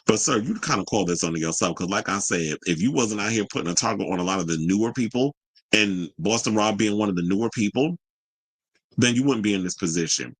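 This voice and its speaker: A man's voice: lowish voice, lively intonation, a little fast, husky, no room sound, poor audio. A man giving casual reaction commentary in a colloquial way, retelling what people said and acting out their quotes. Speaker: commentator recapping a reality show and reading viewer reactions.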